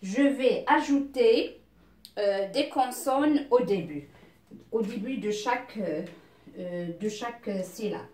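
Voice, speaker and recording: A woman's voice: a little high, slow, darkish tone. A middle-aged woman teaching a beginners' phonics lesson, spelling out letters and sounds patiently with frequent hesitations. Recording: echoey room.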